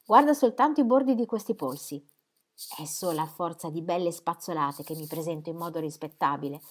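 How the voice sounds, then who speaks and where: A woman's voice: on the low side, a little fast, lightly acted. A woman voicing a cheerful, spendthrift young man who jokes and pleads, in an audiobook reading. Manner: joking, pleading.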